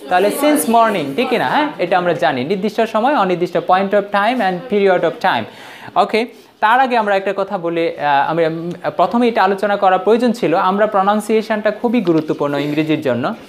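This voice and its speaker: A woman teaching English in a live online class. She leads the listeners through drills, keeps checking that they follow, and pauses on fillers between phrases. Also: medium pitch. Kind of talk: live online language lesson.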